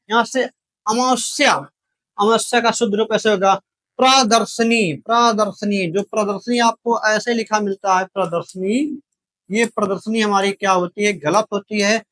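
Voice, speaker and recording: A man's voice: high-pitched, fairly bright tone. A man teaching spellings for an exam, drilling each word with questions and repeated answers, addressing viewers directly. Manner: keeps asking rhetorical questions and repeating the answers; addresses viewers directly, calls them brother. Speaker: Hindi exam-prep teacher. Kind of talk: spoken lesson, drilling spellings.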